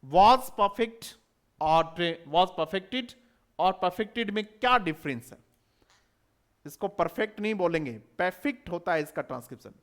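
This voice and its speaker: Taking his time, a male English teacher from India runs an exam-prep lecture in which he spells out words and throws rhetorical questions at the students. His high-sitting, somewhat bright voice has lively intonation.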